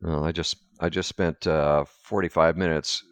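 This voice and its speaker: A man hosting a podcast, reading a scripted intro and then chatting with his guest in a measured way. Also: extremely low pitch, steady tone, no echo. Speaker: podcast host.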